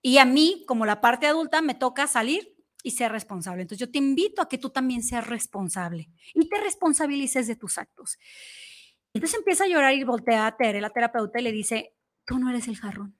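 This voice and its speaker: A woman with a Mexican accent, co-hosting and telling a personal story in casual chat, animated and slangy. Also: a little high, brisk. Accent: Mexican Spanish. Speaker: co-host.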